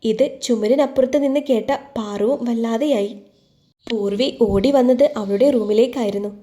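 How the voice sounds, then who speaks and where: Mellow-voiced woman narrating a story. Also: on the high side, normal speed.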